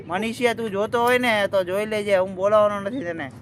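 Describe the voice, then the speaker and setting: A man's voice: sits high, steady tone, fairly quick, a little hiss or hum. A young man vlogging outdoors on a walk, chatting and teasing a friend, filmed on a phone. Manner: chatty, teasing, addresses viewers directly. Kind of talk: casual walking vlog. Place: outdoors by a riverfront. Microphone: phone held by a friend.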